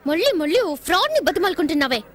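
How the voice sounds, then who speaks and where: A woman's voice: very high voice, very animated, racing, background noise. An actress playing a stubborn, proud young woman who defies her father. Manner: defiant, haughty.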